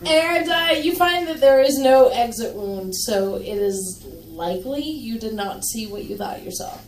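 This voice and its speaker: A woman running a tabletop game as game master in a brisk, deadpan manner, recorded from a distance in a noisy convention hall. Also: a little high. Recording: echoey hall, distant mic, crowd noise.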